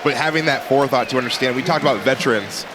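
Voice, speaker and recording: A man commentating on a fight live, explaining the action with animated asides. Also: mid-range voice, very fast, over a noisy crowd. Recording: very noisy venue.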